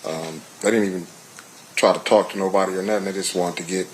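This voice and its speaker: Deep voice american guy on the witness stand, hesitant, casual wording, says you know a lot, bit of noise behind him. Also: fairly even intonation, low-quality recording. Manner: hesitant, halting, peppered with 'you know'. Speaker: witness giving testimony. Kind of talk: spoken testimony, casual and colloquial.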